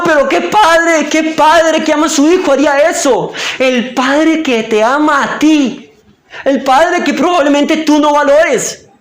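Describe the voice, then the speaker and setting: A male pastor giving an impassioned sermon, stressing phrases slowly and emphatically. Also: very high-pitched, echoey room. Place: church.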